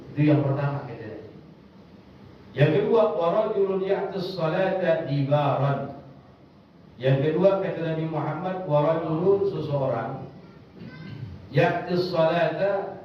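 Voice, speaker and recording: A man's voice: mid-range voice, a little hiss or hum. A man teaching a casual religious study session, reciting Arabic lines and explaining them in everyday storytelling. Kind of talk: informal Islamic study sermon. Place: small prayer hall, echoey. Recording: echoey, distant, dull room recording.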